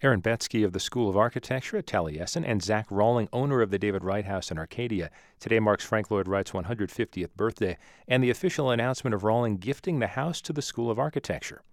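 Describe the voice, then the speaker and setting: A male radio host asking brisk, inquisitive interview questions. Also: on the low side, dry recording, studio quality.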